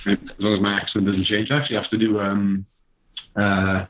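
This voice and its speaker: A man's voice: lowish voice, level tone, a little fast, narrow, tinny audio. A young man with a Welsh accent chatting as a guest over a video call, laid-back and hesitant, with many fillers. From Wales. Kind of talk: casual chat.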